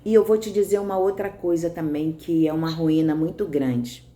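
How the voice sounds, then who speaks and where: A woman preacher with a Brazilian Portuguese accent gives a conversational devotional sermon in a deep, mellow voice with fairly even intonation at a moderate pace. She checks in with listeners throughout and responds to their comments as she goes.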